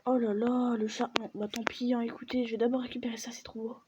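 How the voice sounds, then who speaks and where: A woman's voice: fairly high pitch, flat delivery, fast. Chatty self-mocking woman gamer, lo-fi. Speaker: gaming video host. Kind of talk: casual gameplay commentary. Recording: dull lo-fi sound with faint noise.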